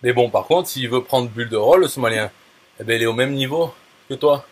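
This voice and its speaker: A man's voice: medium pitch, a little fast. A man talking casually and bluntly, full of fillers, restarts and crude slang. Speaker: affiliate marketer. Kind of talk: casual talk to a viewer.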